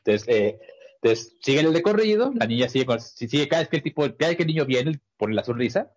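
Man, casual recap host, lively husky voice, lo-fi sound. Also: medium pitch, fast. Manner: animated storyteller, lots of fillers and restarts. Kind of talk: casual anime recap chat. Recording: dull lo-fi sound.

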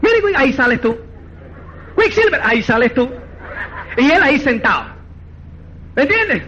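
A man giving a motivational network marketing seminar, animated and acting out quoted dialogue, repeatedly checking that listeners follow. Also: very high voice, moderate pace, lo-fi sound, a little hiss or hum. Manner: animated, acts out quoted dialogue, keeps asking "¿me entiendes?".

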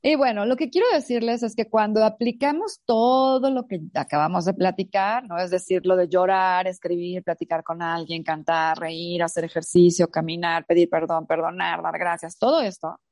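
A middle-aged woman chats as a co-host, her voice dark and mellow, recorded close and dry. She tells stories with animation and slips into the voices of the people in them. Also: on the low side, moderate pace, few pauses, no room sound. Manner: animated storytelling, acts out quoted voices. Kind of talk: casual chat.

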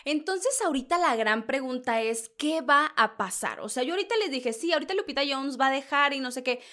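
Female gossip host, northern Mexican accent, high voice, loud and theatrical. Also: a little fast. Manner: loud, animated, dramatic, mimics others mid-story. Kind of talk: casual celebrity gossip commentary.

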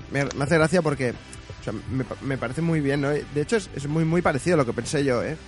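A man's voice: fairly high pitch, fairly quick. A man hosting a podcast interview, chatty and stumbling over restarts. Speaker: podcast host. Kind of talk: casual interview. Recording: clear music under the voice. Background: music.

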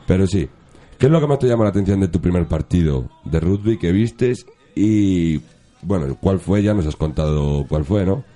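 A man's voice: deep voice, lively intonation, moderate pace, dark tone, soft background music. A male radio sports show host, chatting casually and asking his guest question after question. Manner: asks questions, interrupts with short remarks. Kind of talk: casual radio chat and interview.

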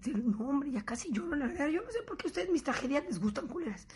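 Mexican woman vlogger, high voice, animated, salty storyteller who acts out voices. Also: fast. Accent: Mexican Spanish. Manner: animated, swearing, laughing through her story. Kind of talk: casual storytelling to viewers.

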